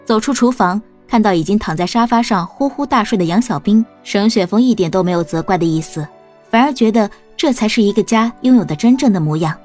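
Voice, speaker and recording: Calm woman reading a storybook. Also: mid-range voice, fairly quick, faint music behind. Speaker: audiobook narrator. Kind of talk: storybook narration.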